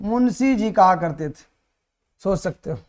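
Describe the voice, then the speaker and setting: A man explaining a story chapter to students for their board exams. He retells it in lively bits, acts out the characters' shouts and keeps asking his students questions. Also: sits high, a little slow. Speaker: teacher.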